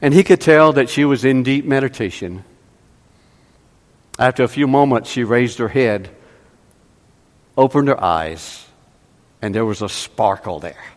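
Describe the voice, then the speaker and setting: Male pastor, slow measured sermon delivery, church hall reverb. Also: medium pitch. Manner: slow, measured preaching with dramatic pauses. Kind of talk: sermon storytelling. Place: church sanctuary.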